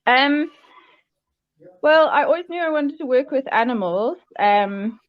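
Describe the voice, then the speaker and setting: Woman vet guest, halting and thoughtful, muffled dry call audio. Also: high-pitched, animated, no echo. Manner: hesitant, many ums. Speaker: veterinarian guest. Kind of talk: remote interview.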